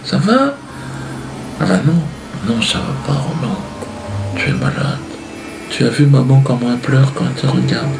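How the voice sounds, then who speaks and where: A man voicing a pushy female charity fairy in a comic monologue, with a sugary manner that turns sharp. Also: medium pitch, normal speed, gravelly, pauses often, music in the background, pitched above the performer's own voice, lightly acted, poor audio. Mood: shrill.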